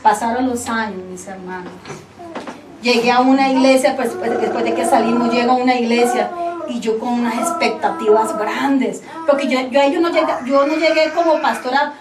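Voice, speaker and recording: A woman pastor giving a lively sermon testimony, telling her story to the congregation and calling them brother. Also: a little high, brisk. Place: church hall. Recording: echoey hall, distant mic, background noise.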